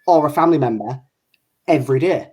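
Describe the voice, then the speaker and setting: A man's voice: a little high, fairly quick, mellow, slightly rough. A man from Hull with a northern English accent, hosting an online interview in a casual, rambling way and often interrupting himself. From Hull, England. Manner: chatty, rambling, self-interrupting. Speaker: host of an online interview show. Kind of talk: casual chat.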